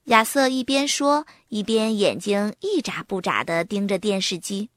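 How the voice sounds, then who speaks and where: A woman narrating a picture book to young children in a lively storytelling manner. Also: mid-range voice, moderate pace, no room sound, studio quality.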